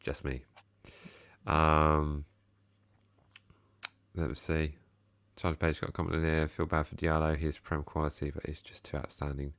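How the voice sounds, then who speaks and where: A man's voice: very deep voice, flat delivery, a little fast, gravelly. A young man co-hosting a casual football fan show, chatting and reading out viewer comments. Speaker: co-host of a football fan channel. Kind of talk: casual chat.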